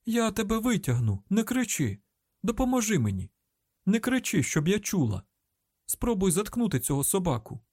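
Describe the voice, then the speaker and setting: A man's voice: high-pitched, big pitch swings, normal speed, no echo, clean studio sound, voice pushed up. A man voicing a tense, commanding young woman FBI agent in an audiobook, with a Ukrainian accent. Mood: urgent. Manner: urgent shouted commands.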